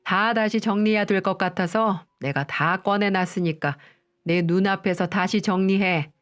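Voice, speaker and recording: A woman's voice: mid-range voice, moderate pace, faint music behind, close to an everyday voice. A woman voicing a harsh, bossy middle-aged mother-in-law who scolds with contempt, in a storybook radio reading. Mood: scolding.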